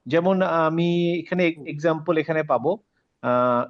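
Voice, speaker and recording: Patient male tutor, slightly high voice, muffled call audio. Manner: patient, repeats sounds slowly, asks students questions. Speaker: Quran recitation teacher. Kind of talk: online class lesson.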